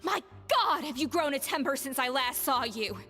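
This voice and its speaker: A composed former head chef who speaks with calm dignity in a high voice. A long reverb and soft game music sit behind her. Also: normal speed.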